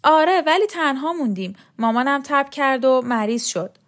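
A woman's voice: high-pitched, lively intonation, pitched above the performer's own voice. A woman reading an anxious, tearful young girl. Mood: anxious pleading.

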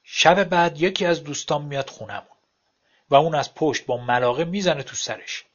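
A man's voice: fairly high pitch, fairly bright tone. A man narrating a story aloud in a wry, plain storytelling manner. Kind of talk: audiobook narration. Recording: dull lo-fi recording.

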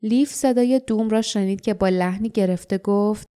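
Woman narrating an audiobook in a mellow voice. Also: medium pitch, clean tone. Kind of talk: scripted narration.

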